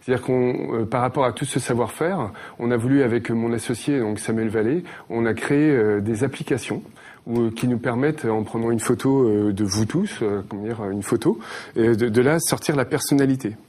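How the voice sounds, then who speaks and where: A man's voice: medium pitch, fairly quick, darkish tone. A man speaking as an interview guest, explaining his trade conversationally and often searching for words. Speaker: guest, hairdresser.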